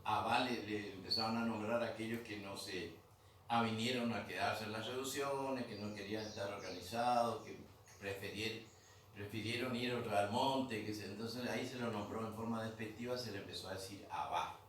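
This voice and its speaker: A man's voice: lowish voice, fairly even intonation, normal speed, a bit bright. A man teaching a grammar class in a museum room, patiently repeating terms and checking that students follow. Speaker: language teacher. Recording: echoey room, mic far off, faint noise.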